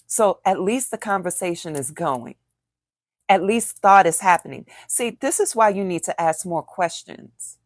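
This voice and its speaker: A woman's voice: on the low side, no room sound, clean studio sound. A middle-aged woman teaching in a conversational way, acting out example phrases and asking rhetorical questions. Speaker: author and coach.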